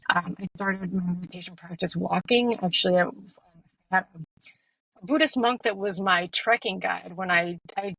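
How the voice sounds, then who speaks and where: A woman speaking as a guest in a casual interview, reflective and soft-spoken, with many fillers. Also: fairly low pitch, normal speed, creaky, slightly rough, no room sound, poor audio. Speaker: guest, meditation teacher.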